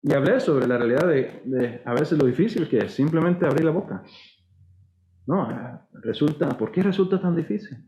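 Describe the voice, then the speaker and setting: Costa Rican pastor in an echoey hall. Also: male voice, a little high, lively intonation, moderate pace, dark tone, lo-fi sound. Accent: Costa Rican Spanish. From Costa Rica. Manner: dramatizes quoted voices, conversational preaching. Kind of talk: sermon.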